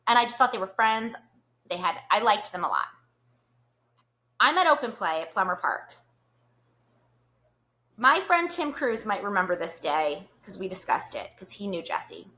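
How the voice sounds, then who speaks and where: A woman's voice: fairly high pitch, pushed and bright. A woman hosting a podcast, telling stories in a chatty, gossipy way full of "like" fillers. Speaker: podcast host. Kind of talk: casual gossip chat.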